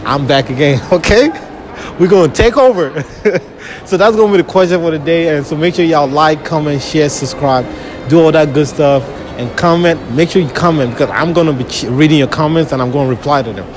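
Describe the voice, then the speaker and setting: A young Nigerian man interviewing strangers in a busy shopping mall with a handheld mic, talking in a lively, laughing way and repeating himself. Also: a little high, a little fast. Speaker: street interviewer and host. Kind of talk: street interview. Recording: noisy mall ambience.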